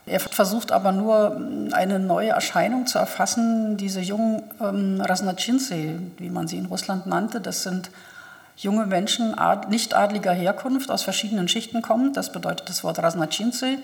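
Woman translator, literary reading and talk, thoughtful, pauses with fillers, long reverb. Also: medium pitch, creaky.

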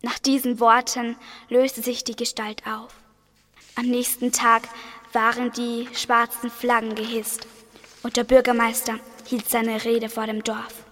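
Teen girl narrator, flat delivery, high-ish, reverberant, school radio play. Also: unhurried. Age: teens.

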